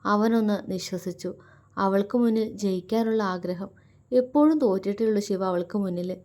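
A woman's voice: mid-range voice, brisk, a little mellow. Woman reading a romance story aloud. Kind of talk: scripted narration of a romance story.

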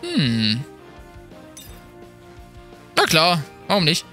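A chatty male streamer talking casually over a video game and mixing in English slang. His voice sits a bit high and comes across bright, with soft game music playing underneath. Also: wildly swooping pitch, very slow. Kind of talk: casual let's-play commentary.

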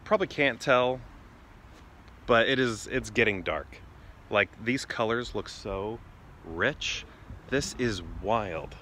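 A man's voice: lowish voice, lively intonation, slow pace, pauses often, bright, forceful tone. Musing middle-aged man, noisy outdoors. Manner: musing, tentative, trailing off mid-thought. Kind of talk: casual vlog narration of watching the sky. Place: outdoors in a residential backyard. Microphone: phone held at arm's length. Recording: clear outdoor ambient noise.

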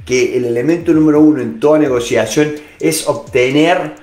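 A man's voice: on the high side, moderate pace, a little mellow, roomy sound. A middle-aged man with a Rioplatense Spanish accent, giving a motivational lesson on negotiation and addressing the listener directly with many filler words. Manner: direct second-person address, frequent "este" fillers. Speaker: negotiation instructor. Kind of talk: motivational lecture.

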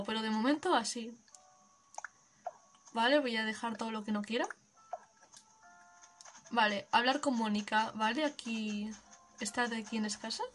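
A woman's voice: fairly high pitch, a bit bright. A young woman, giving casual gameplay commentary, chatty and giggly, thinking aloud. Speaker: gaming video creator.

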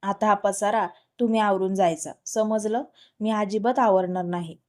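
Young wife figure, sharp scolding, exasperated, mellow tone, read by a woman. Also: medium pitch, fairly even intonation, normal speed, close to an everyday voice. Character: young married woman, tired and sharp-tongued.

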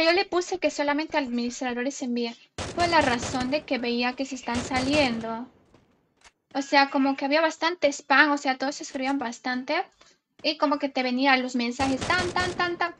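Chica joven streamer, voz aguda, habla suelto y juguetón con su chat, un poco de ruido de fondo. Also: female voice, sits high, normal speed, fairly bright tone, slight background noise. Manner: chatty, playful, greets viewers and reads chat names aloud. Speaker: gaming live streamer. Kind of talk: casual live stream chat.

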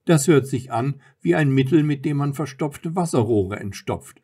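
Man doing a teasing young wife, playful and quick-witted, for an audiobook. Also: medium pitch, expressive, warm tone, voice pushed up.

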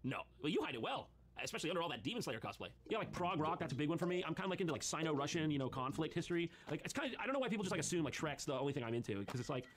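Fast sarcastic man, lively high voice. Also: a crowd in the background. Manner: sarcastic, mocking asides. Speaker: host reacting to video clips. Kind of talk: comedic commentary. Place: studio room with couch and brick wall.

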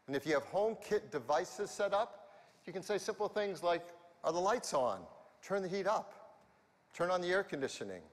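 An enthusiastic middle-aged man presents a product keynote from a big arena stage, his voice sitting a little high for a man. A headset mic carries it into a hall with a long, lingering reverb. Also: lively intonation, moderate pace. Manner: enthusiastic, walks the stage gesturing. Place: large arena stage before a big audience.

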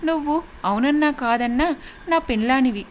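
A woman's voice: sits high, normal speed, a little hiss or hum, close to an everyday voice. A woman reading the lines of a pushy, crude young village man, with a blunt, bossy delivery.

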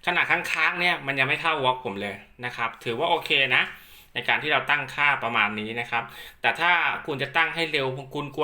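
A man's voice: medium pitch, sharp tone. A man giving a casual hands-on tutorial, explaining step by step as an instructor. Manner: repetitive polite particles, hands-on explaining. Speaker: instructor demonstrating equipment.

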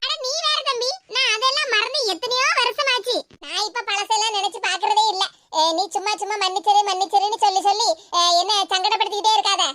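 A woman voicing a proud, warm-hearted middle-aged village aunt in an animated cartoon, speaking a southern Tamil Tirunelveli-Kanyakumari dialect in an affectionate, comforting and dramatic way. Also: extremely high pitch, quick pace, noisy background.

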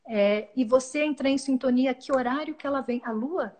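Earnest woman, slightly high voice. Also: moderate pace. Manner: calm and earnest, often restarting words mid-phrase. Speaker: guest speaker. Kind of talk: reflective spiritual talk.

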